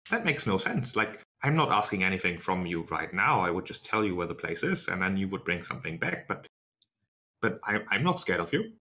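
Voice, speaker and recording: A man's voice: sits low, big pitch swings, brisk, pushed and bright, exaggerated voice. A man voicing a shifty alien informant in a tabletop game, bargaining, stammering and easily indignant. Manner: stammering, repeats words.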